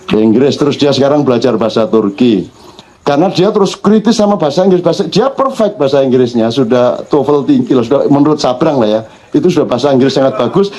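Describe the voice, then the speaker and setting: A man with a Javanese accent giving an informal religious-cultural talk to an audience, telling stories animatedly, joking and mimicking others. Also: on the high side. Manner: animated storytelling, mixing in Javanese words. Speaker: speaker addressing an audience.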